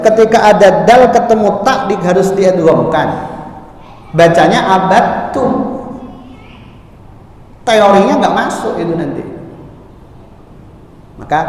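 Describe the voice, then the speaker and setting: A man teaching Quran recitation in a mosque, moving between plain explanation and slow, melodic chanted verses. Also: sits high, a little mellow. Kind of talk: religious lesson with chanted recitation. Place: large mosque hall. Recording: echoey mosque hall, mic far off.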